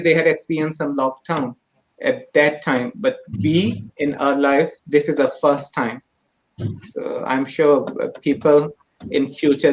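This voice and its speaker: A man speaking as a guest at an online talk, slow and hesitant with many fillers. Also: medium pitch, low-quality recording.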